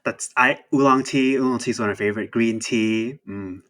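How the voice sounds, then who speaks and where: A young indie game developer from Thailand talks casually as an interview guest, his medium-pitched, steady voice fairly quick and a bit bright. He sounds hesitant, using many fillers and restarts, and laughs easily.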